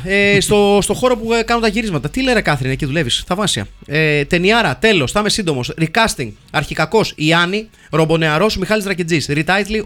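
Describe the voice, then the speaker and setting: A man hosting a comedy show, reading listener film reviews in a wry, mock-solemn deadpan. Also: a little high. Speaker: host reading listener comments.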